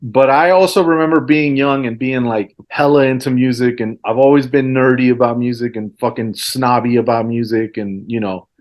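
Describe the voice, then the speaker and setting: A Mexican man in his forties whose first language is Spanish chats casually as a guest, rambling with lots of fillers like "you know." His mid-range voice keeps fairly even intonation at a moderate pace with few pauses.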